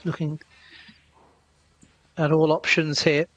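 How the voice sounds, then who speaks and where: A man giving live snooker commentary as a commentator, in measured short phrases with pauses. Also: a little high, little pitch movement, highs cut off.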